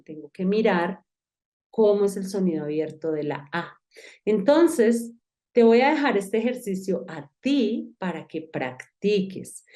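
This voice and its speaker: A woman's voice: medium pitch, warm tone. A woman, an English teacher walking one student through pronunciation step by step. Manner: patient, talks to one learner, spells out each step. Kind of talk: online class with a whiteboard.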